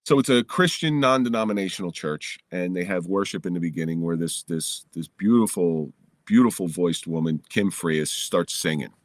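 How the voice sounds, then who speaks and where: A middle-aged man from New Jersey, a podcast guest telling a personal story in a candid, lively way, recorded in his home basement. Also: low-pitched, moderate pace, no echo.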